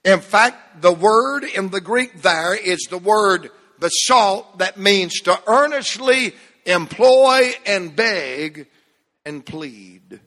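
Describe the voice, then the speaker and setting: High bright-voiced preacher, slow and emphatic. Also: male voice, lively intonation. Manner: emphatic preaching with dramatic pauses and falling phrase ends. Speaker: pastor. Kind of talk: sermon. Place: church sanctuary. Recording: long reverb of a large hall.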